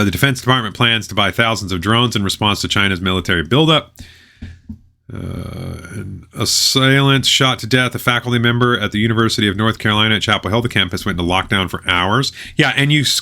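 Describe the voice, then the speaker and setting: Male news commentator, low-pitched but sharp and forceful, blunt and sarcastic in off-the-cuff reactions. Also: brisk, creaky. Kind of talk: opinionated news commentary, alternating reading and off-the-cuff remarks.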